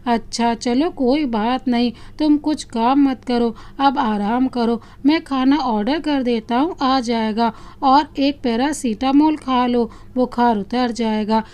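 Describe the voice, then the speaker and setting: A woman's voice: fairly high pitch, slow, hardly any pauses, darkish tone. A woman voicing a loving, playful young husband who teases his wife affectionately, in a storybook reading. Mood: teasing. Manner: teasing, affectionate.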